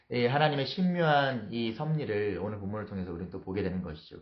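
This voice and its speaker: A male pastor preaching a morning devotional, telling the story vividly and acting out its scenes. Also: medium pitch. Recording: roomy, dull lo-fi sound.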